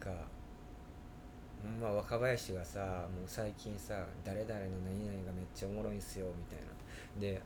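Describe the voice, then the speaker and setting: A man with a Kansai accent co-hosting a casual podcast, relaxed, with frequent short nods and storytelling asides. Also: lowish voice, normal speed, background noise. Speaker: podcast co-host.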